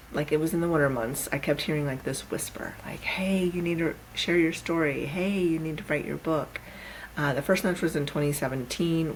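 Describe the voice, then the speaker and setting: A woman's voice: low voice, slight background noise, rough recording. A woman hosting her own unscripted podcast, talking candidly and reflectively with fillers and self-corrections. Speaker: podcast host. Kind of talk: unscripted solo podcast talk.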